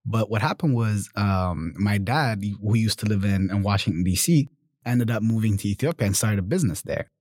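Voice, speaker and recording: A man in his twenties, born in Germany, telling his story in a casual interview, animated, often adding "you know" and "right?". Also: on the low side, moderate pace, no echo, clean studio sound. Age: 20s. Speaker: guest.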